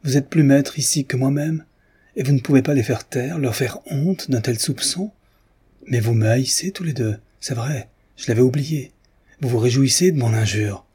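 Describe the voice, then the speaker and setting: A man's voice: mid-range voice, normal speed, dark tone, slightly rough, lightly acted. A man reading aloud, voicing an indignant, grieving young widow who pleads in a raised voice. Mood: anguished.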